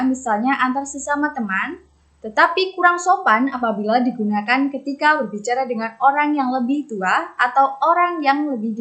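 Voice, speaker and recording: A young woman reading definitions and example sentences aloud in a measured, formal way. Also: sits high, bright, forceful tone. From Indonesia. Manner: reads out text in a measured, formal way. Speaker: co-presenter, student helper.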